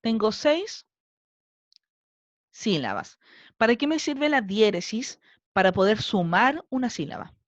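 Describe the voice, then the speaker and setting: A woman's voice: a little high, very animated, unhurried, long pauses, no room sound, muffled recording. A woman teacher with a Chilean Spanish accent, giving a recorded lesson and patiently counting syllables aloud step by step. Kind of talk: recorded online class lesson.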